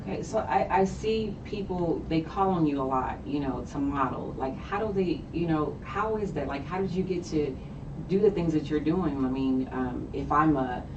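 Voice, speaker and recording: A woman's voice: low voice, animated, normal speed. A woman hosting a casual radio interview, chatty with lots of fillers and rising questions. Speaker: radio host. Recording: distant, echoey, dull, noisy.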